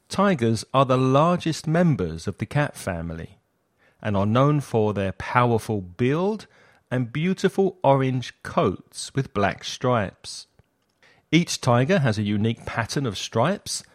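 A man's voice: mid-range voice, no echo, clean studio sound. A man reading scripted narration in the style of a nature documentary.

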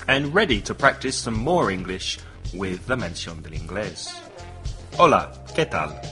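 A man hosting a bilingual English lesson podcast, leading slow, deliberate vocabulary drills with lots of repetition. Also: lowish voice, pushed and bright. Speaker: English teacher and podcast host.

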